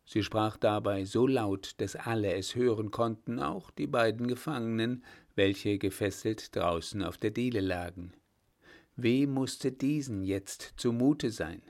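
A male narrator reading a story aloud in calm, measured scripted narration. His voice sits low, and he takes his time with every sentence. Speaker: audiobook narrator.

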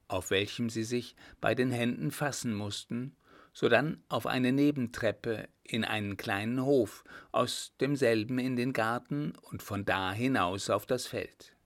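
A man narrating a period novel as an audiobook, with steady, even storytelling. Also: medium pitch, unhurried, vocal fry.

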